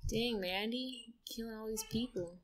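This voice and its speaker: A woman's voice: on the high side, moderate pace, a little hiss or hum. A young woman chatting during a let's-play, teasing the player in a slangy, joking way. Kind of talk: casual let's-play chat.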